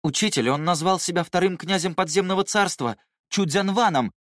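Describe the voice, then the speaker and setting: A man's voice: sits high, brisk, a bit bright, no echo, studio quality, pitched above the performer's own voice. A man voicing an anxious, earnest young male disciple in an audiobook, his voice raised and urgent.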